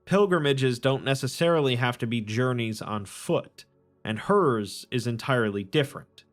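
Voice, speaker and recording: A man giving scripted, measured narration of a strange tale. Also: mid-range voice, lively intonation. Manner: measured, descriptive storytelling. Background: faint music.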